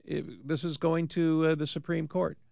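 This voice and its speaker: An American man hosting talk radio, giving unscripted commentary in a halting, deliberate manner. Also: fairly high pitch, fairly even intonation, gravelly, warm tone, no echo, studio quality.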